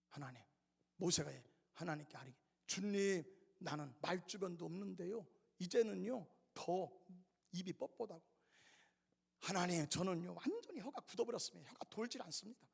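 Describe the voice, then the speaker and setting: A male pastor preaching an expository sermon, acting out quoted voices, swinging between shouts and whispers. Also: sits high, creaky, breathy edge. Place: church sanctuary. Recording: reverberant church sanctuary.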